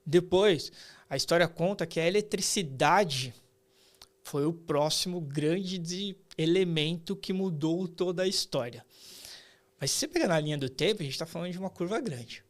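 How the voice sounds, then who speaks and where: Appearing as an interview guest on a podcast, this AI expert and professor is a man in his late thirties with a Brazilian accent. His voice sits fairly high and moves at a normal pace. He explains things in a conversational, emphatic, colloquial way, frequently throwing in rhetorical questions.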